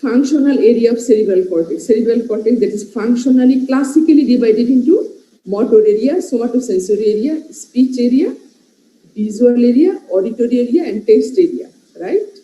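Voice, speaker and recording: A woman's voice: a little high, very slow, dark tone. A woman with a Bangladeshi accent gives a medical lecture, switching between Bengali and English and listing terms while checking in with "right?". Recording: muffled, echoey classroom recording.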